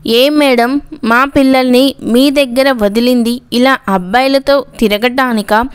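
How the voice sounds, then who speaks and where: A woman's voice: sits high, unhurried, clear, resonant tone. Woman reading as a furious hot-tempered father. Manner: angry, shouting.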